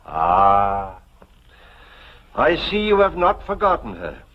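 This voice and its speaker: A worldly, fond uncle in a 1950s television drama. His voice is husky and his phrasing old-world and formal, full of exclamation. The delivery is unhurried, and the old soundtrack is muffled. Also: lowish voice, huge pitch swings, heavily acted. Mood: fond, probing. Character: genial, worldly, fussing uncle of an older generation.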